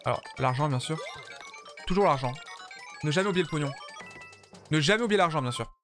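Chatty tired male streamer, slightly high voice. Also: lively intonation, fairly quick, over music. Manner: chatty, joking, swears freely, talks to chat. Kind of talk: casual live-stream commentary while playing.

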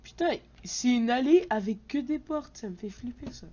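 A woman's voice: a little high, expressive, moderate pace, warm tone, highs cut off. A woman commentating on a horror game as a jumpy, panicking gamer who swears freely. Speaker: gamer, channel host. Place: bedroom at home. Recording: noisy home gaming recording.

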